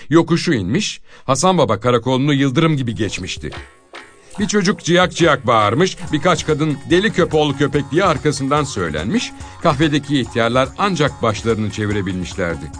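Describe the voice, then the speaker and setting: Expressive man reading a story. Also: mid-range voice, soft background music. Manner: expressive, with measured pauses. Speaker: narrator.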